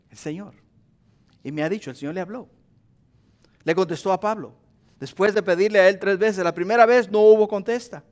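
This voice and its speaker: A male pastor delivers a passionate sermon. His voice sits high for a man and keeps climbing louder and higher on repeated pleas, then sinks back to a low, quiet tone. He speaks straight to the congregation as brothers and sisters. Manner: impassioned preaching, rising in pitch and volume on repeated pleas.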